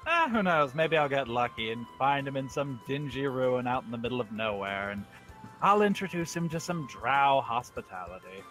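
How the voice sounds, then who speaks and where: A man playing a tabletop game, speaking slowly and expressively with dry humor, often in character. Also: mid-range voice, fairly bright tone, faint music behind. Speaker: player. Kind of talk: in-character tabletop role-play.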